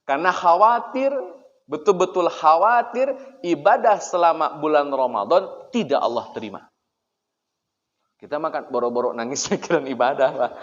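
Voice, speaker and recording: A man preaching an Islamic sermon in a relaxed, conversational way, cracking jokes and speaking straight to his listeners. His voice sits a little high. The recording is muffled and rings with long hall reverb. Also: moderate pace. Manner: chatty and joking, often addressing listeners directly. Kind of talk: casual sermon to a congregation. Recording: dull, echoey hall recording.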